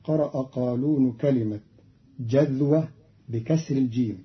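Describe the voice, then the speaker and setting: A man's voice: medium pitch, moderate pace. A man delivering a scripted lecture on recitation variants, carefully enunciated and quoting verses in a reciting tone, on a dull lo-fi archival recording. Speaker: scholar introducing a recitation.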